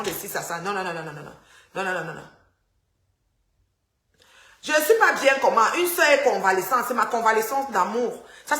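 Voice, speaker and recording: A woman, chatting and teasing her viewers on a phone live stream from a dark house. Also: medium pitch, roomy sound. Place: house with the power cut.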